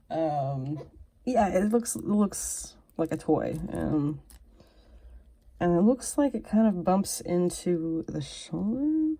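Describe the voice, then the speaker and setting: A woman's voice: on the low side, animated, takes it slowly, long pauses, warm tone, breathy edge. A woman reviewing and unboxing a collectible figure in casual, self-deprecating chat, drifting into whispers while she fiddles with it. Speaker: toy reviewer.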